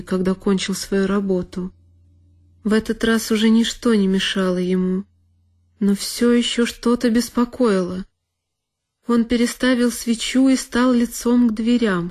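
Over music featuring a solo violin, a woman with a fairly high, darkish voice narrates a literary one-woman audio play. Her intonation stays fairly even and her pace measured, yet the dramatic, scripted delivery is intense and theatrical.

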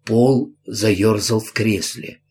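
A man reading a children's story aloud in an expressive, lively storytelling manner. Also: lowish voice, slow pace. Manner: lively, lifts his voice for children's lines. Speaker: audiobook narrator.

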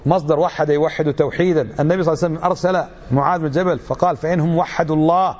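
A man's voice: fairly high pitch, fairly even intonation, very fast, a little mellow, dull audio. A middle-aged man giving an emphatic religious lecture, full of rhetorical questions.

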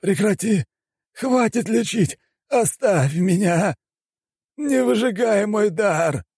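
A man's voice: high voice, animated, slow, darkish tone, slightly rough, no room sound, studio quality, voice pushed up, full character voice. A man doing a wailing, panicked mage. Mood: begging. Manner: wailing, pleading shrieks. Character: panicked male mage, begging and snarling.

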